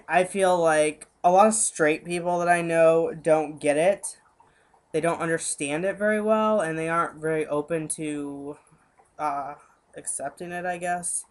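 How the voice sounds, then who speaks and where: A man's voice: on the high side, smooth. A young man records a casual vlog into his webcam at home, his voice congested and stuffy from a cold. He speaks earnestly and personally, stopping and restarting often with lots of "like" and "um" as he gathers his thoughts. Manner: hesitant, halting, full of "like" and "um".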